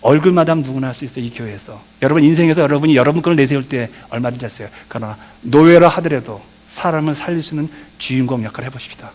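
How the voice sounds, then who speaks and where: A middle-aged male pastor preaching a sermon, swinging between loud emphatic peaks and quiet asides, addressing the congregation directly. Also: medium pitch, rapid-fire, hardly any pauses. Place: church sanctuary. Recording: long reverb of a church hall.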